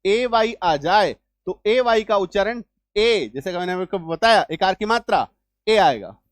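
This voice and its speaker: A man's voice: sits high, animated, unhurried, dry recording, studio quality. Repetitive male English teacher. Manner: repetitive, checks understanding often. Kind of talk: classroom-style spelling lesson.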